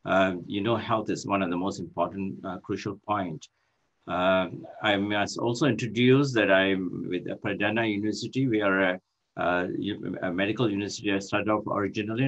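An older man from Malaysia giving an online lecture as a guest professor, halting with many fillers and restarts, speaking on a video call from his office. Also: low voice, fairly even intonation. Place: office with shelves. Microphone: laptop microphone on a video call. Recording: muffled video call audio.

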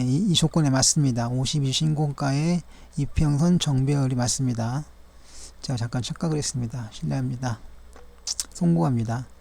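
Going through stock charts one at a time, a man narrates his daily review in a mid-range voice that is gravelly, mellow, and dark in tone. He sounds measured and formal, with courteous fillers and now and then a self-correction.

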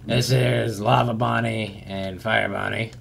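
Gravelly slow-talking roleplay host man. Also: fairly low pitch, fairly even intonation, a little hiss or hum. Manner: gravelly, slow, bursts of shouted swearing. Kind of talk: casual roleplay chat.

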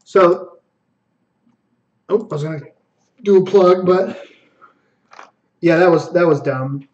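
A young man narrates his card game live, talking half to himself with quick asides and frequent self-criticism. His voice sits a little on the high side for a man, and his delivery is loose and conversational. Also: lo-fi sound. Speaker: streamer playing a card game. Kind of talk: live gameplay commentary.

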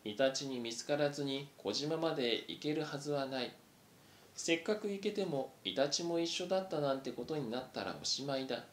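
A man reading aloud, voicing a scholarly male mouse who speaks quietly and measuredly, in a roomy recording. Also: mid-range voice, animated, brisk, slight background noise, close to an everyday voice. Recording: roomy echo.

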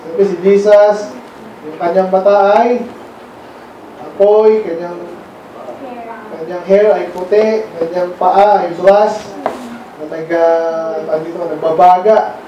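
A man from the Philippines preaches in a relaxed sermon style, his voice high but mellow in tone. He keeps turning to his listeners with questions. He is recorded from across a very reverberant church hall. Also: slow, long pauses, highs cut off, slight background noise. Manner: quizzes the congregation with frequent questions. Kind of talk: conversational sermon. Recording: very echoey hall, mic far off.

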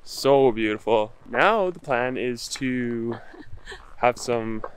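A man's voice: mid-range voice, lively intonation, slow pace, a little hiss or hum. A young man chatting casually in a hiking vlog, filmed outdoors with a handheld camera at arm's length. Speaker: travel vlogger. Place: outdoors on a mountain trail.

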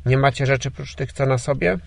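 A man voicing a gruff but kind older emigrant gentleman in a storybook, talking brusquely and grumbling. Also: mid-range voice, steady tone, brisk, pitched above the performer's own voice. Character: gruff, kindly old Polish emigrant gentleman.

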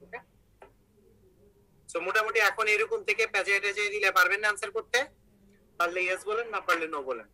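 A man's voice: high-pitched, steady tone, fairly quick, pauses often, pushed and bright, poor audio. A man teaching an online English grammar class, explaining step by step and asking his students questions.

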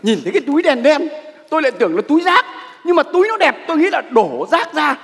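A man's voice: extremely high pitch, sing-song, quick pace, fairly bright tone, full character voice. An actor playing a bossy, fussy middle-aged village father, scolding his wife. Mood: boasting. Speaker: comic actor in a sketch. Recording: stage with long reverb and faint noise.

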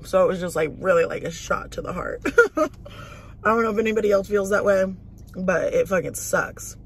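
A woman's voice: medium pitch, lively intonation, moderate pace, a little hiss or hum. Chatty, foul-mouthed woman vlogger in a car. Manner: chatty, profane, lots of "like". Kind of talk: casual storytime while eating. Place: inside a parked car.

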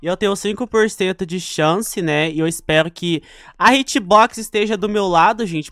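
Excitable Brazilian young man, dry close sound. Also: sits high, clean tone, no echo. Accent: Brazilian Portuguese. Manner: excitable, chatty, dramatic outbursts at the game. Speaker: gaming YouTuber. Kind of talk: live gameplay commentary.

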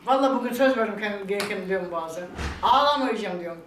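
Older woman chatting fast, tearful. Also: mid-range voice, animated, far from the mic. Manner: tearful and laughing by turns, quoting others. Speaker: vlog guest talking about her illness. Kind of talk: emotional casual chat. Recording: echoey room picked up from afar, faint background noise.

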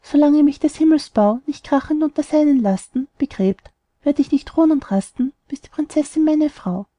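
A woman's voice: sits high, normal speed, mellow, no room sound, natural voice. A woman voicing a lovesick, stubborn young man in an audiobook, delivering rhymed verse earnestly. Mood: determined.

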